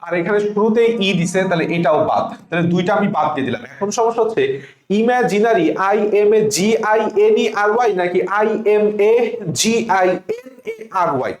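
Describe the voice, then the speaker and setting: A man with a Bangladeshi accent teaching a spelling lesson for exam prep, slowly drawing out each word letter by letter. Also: high voice. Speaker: English teacher. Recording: echoey room.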